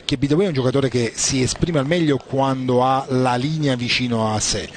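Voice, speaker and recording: A man's voice: medium pitch, normal speed. A man giving conversational analysis as co-commentator on a football match. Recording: stadium crowd noise behind. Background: stadium crowd.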